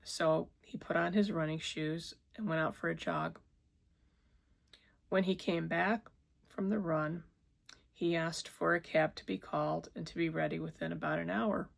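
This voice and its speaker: A woman's voice: deep voice, steady tone, measured pace, vocal fry. A woman who reads tarot, casually retelling a story from a book in a hesitant way. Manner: hesitant, with fillers and restarts. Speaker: tarot reader.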